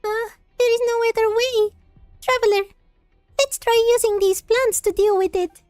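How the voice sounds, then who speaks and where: A woman's voice: very high voice, fairly even intonation, moderate pace, darkish tone, dry recording, clean studio sound, faint music behind, voice pushed up. A woman voicing a small, earnest helper companion from a video game. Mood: urgent, eager. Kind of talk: video game dialogue read aloud.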